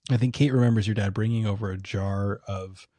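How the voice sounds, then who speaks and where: A man's voice: lowish voice, steady tone, brisk, dark tone, dry recording. A man co-hosting a podcast, chatting casually in easygoing, swearing bro talk. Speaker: podcast co-host. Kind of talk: casual chat. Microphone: podcast microphone.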